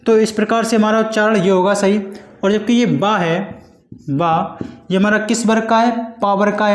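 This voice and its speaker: A male teacher giving a patient exam-prep Hindi lesson, repeating each point and sounding out syllables slowly. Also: sits high, roomy sound.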